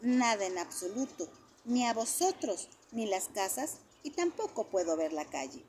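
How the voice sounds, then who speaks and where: A young blind man speaks patiently and kindly to curious children, as a woman reads his part. The voice stays fairly high and moves freely. Soft outdoor ambience lingers behind it. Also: sing-song, moderate pace, a little hiss or hum. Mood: gentle.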